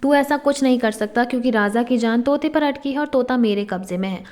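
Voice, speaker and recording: A woman reading a cold and threatening young groom from a spoken storybook, talking down to his rivals with taunting menace in a fairly high voice. Each line lands firm and deliberate. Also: a little mellow, natural voice. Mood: menacing.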